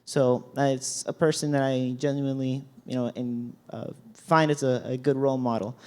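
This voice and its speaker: A man giving a church talk to a group, explaining dictionary definitions and often pausing with ums and restarts. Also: medium pitch, warm tone. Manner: hesitant, frequent ums and restarts. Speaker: youth talk speaker at church. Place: speaking up front to a group.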